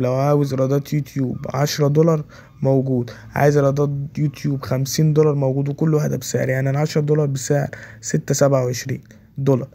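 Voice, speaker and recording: A man's voice: mid-range voice, creaky, dark tone. A man with an Egyptian accent walking viewers through a website in a casual tutorial, saying "okay" between every step. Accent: Egyptian Arabic. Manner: keeps repeating "okay" between steps. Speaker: tutorial presenter. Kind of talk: casual screen walkthrough.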